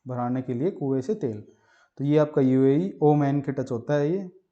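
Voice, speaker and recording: A man's voice: mid-range voice, normal speed, warm tone. Man quizzing himself through a map lesson. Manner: repeats quiz questions and answers them himself. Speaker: teacher. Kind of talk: exam-prep map lesson with memory stories. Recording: muffled lo-fi voice-over.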